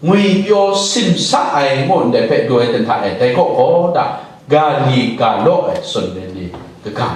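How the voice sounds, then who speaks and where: A male pastor preaching a sermon, dropping English words into his speech now and then. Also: mid-range voice. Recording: very echoey hall, distant mic, faint noise.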